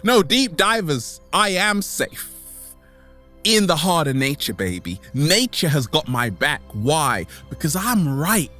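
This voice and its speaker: Over soft background music, a man speaks in a high-leaning, sing-song voice that sounds pushed and bright. As a vlog host, he gives his online followers a playful, theatrical pep talk, looping catchphrases and elongating words to stress them.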